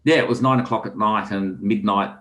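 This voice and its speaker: An Australian angler and author, a guest on a podcast, tells long rambling fishing stories full of ums in a casual storytelling interview. His voice is lowish and a bit bright, fairly even in intonation and a little fast.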